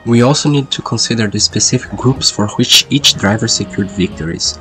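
A man's voice: mid-range voice, brisk, a bit bright. A man hosting race qualifying commentary while sick, with a congested, duck-like voice. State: sick with a lingering cold. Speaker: sim racing commentator and host. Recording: music behind the voice. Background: background music.

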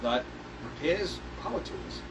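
A man's voice: mid-range voice, sing-song, a little slow, recorded from a distance, background noise. A man co-hosting a podcast, ranting casually with heavy swearing. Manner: heavily profane, ranting. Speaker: podcast co-host. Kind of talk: casual banter among tradesmen.

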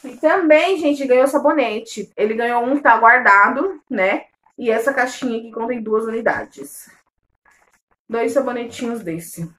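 A young woman in late pregnancy chats casually in a vlog, affectionate and talkative, frequently calling her viewers "loves." Her voice is a little high, unhurried, and fairly bright.

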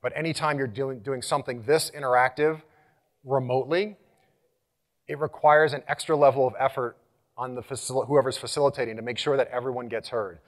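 Man, mid-pitched, conference presenter, animated, energetic, loud when rallying the audience. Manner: energetic, engaging, leads audience exercises; animated, gets louder when rallying the room. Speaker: conference speaker. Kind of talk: live conference talk.

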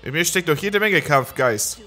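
A man doing gameplay commentary, excitable, swearing and yelling at the game. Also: fairly high pitch, normal speed, soft background music. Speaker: let's play gamer.

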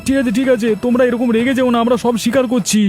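A man voicing a cowardly scheming village husband in a cartoon, with a squeaky, whining delivery. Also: flat delivery, very fast, a little mellow, faint music behind. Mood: pleading. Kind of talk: Bengali cartoon voice acting.

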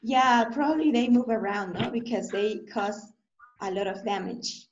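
A woman's voice: a little high, normal speed, a little hiss or hum. A woman with a Mexican accent teaching an online English reading class, using simple phrases and repeated check questions. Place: indoor room, on a video call. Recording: muffled, echoey online class audio.

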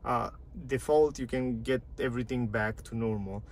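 A man's voice: medium pitch, steady tone, normal speed, slight background noise. A man casually walking through a car's dashboard and touchscreen menus, chatty and repetitive, in a parked car. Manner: chatty, repeats phrases, non-native grammar. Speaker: car reviewer. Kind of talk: casual walkthrough.

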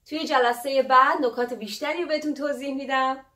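A woman teaching English grammar in a lively way, explaining at a board and drawing out English words slowly. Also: sits high, roomy sound, recorded from a distance.

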